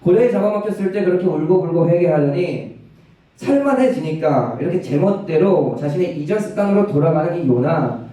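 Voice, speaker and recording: Animated young male preacher in echoey church. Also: a little high, brisk. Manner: animated storytelling, asks the congregation questions. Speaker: youth ministry preacher. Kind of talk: lively sermon. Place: church sanctuary. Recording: echoey hall, mic from a distance.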